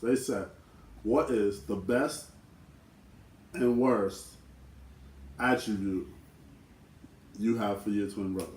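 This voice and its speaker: A man co-hosting a casual question-and-answer video with his twin brother, talking in a relaxed, slangy way. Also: fairly low pitch, recorded from a distance. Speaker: co-host twin. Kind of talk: casual Q&A chat. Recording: echoey room with faint noise.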